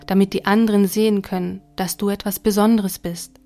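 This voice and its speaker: A woman voicing a patient, smiling God who explains things calmly and gently, with faint music behind. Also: mid-range voice, a little fast, close to an everyday voice. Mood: gentle.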